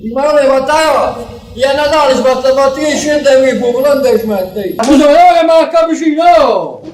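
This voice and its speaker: A man voicing an excitable, argumentative cartoon sea sponge with a Neapolitan accent in an amateur dialect dub. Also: very high voice, moderate pace. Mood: agitated, argumentative. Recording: echoey amateur home dub.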